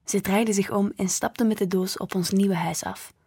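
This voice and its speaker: Woman, storybook narration, breathy, quiet, hushed whispers, mid-pitched. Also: steady tone, normal speed. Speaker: audiobook narrator. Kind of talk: first-person storybook narration.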